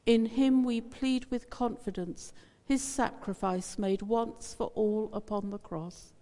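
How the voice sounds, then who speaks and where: A woman priest leads communion in a measured, solemn intoning voice, heard in a long cathedral echo. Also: a little high, fairly even intonation, mellow. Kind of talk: reciting a liturgical prayer. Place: large church. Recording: cavernous church reverb, distant.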